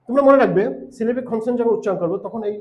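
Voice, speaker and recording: A man with a Bangladeshi accent teaching English pronunciation, explaining slowly and repeating each example word. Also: very high voice, lo-fi sound. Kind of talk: recorded pronunciation lesson.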